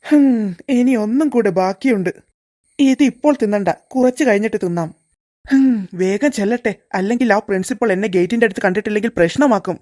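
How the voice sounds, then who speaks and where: A woman does cartoon voice acting as a sneaky, middle-aged male school security guard who mutters fondly to his snack and frets about the principal, sounding fretful. Her own voice is medium-pitched, warm, natural, and a little fast.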